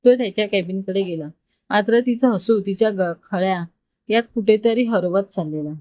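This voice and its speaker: A woman storyteller reading an emotional story aloud in a calm, measured manner. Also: medium pitch, no room sound. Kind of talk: scripted story narration.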